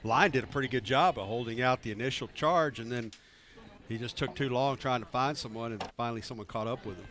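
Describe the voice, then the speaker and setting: A man offers relaxed color commentary at a high school football game at an outdoor stadium. He picks apart each play in easy, analytical asides. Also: a little fast, a crowd in the background.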